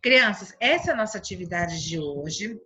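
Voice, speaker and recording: A woman with a Brazilian Portuguese accent teaching a remote lesson to young children, stretching words out slowly and asking them questions. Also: mid-range voice, lively intonation, sharp tone, breathy edge. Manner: slow, syllable-stretching teacherly delivery. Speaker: primary school teacher.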